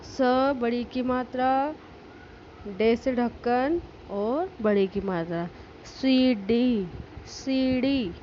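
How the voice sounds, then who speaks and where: Woman teacher, slightly high voice, very slow and patient, spells words out for small children; dull lo-fi recording with faint hiss. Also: dark tone. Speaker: school teacher. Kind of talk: recorded class lesson.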